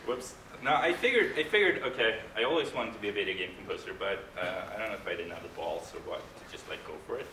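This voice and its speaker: A man giving a casual conference talk, halting and hesitant with frequent restarts. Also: fairly low pitch, lively intonation. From Norway. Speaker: conference speaker, game composer. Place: large conference hall. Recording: echoey hall, distant mic, room noise.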